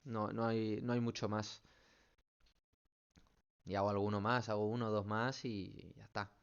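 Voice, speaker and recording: A man's voice: fairly low pitch, level tone, unhurried, gravelly, clean tone, highs cut off. A man, a math teacher working through student questions in an online class, explaining step by step and checking in often. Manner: patient, explains step by step, keeps checking with "¿vale?".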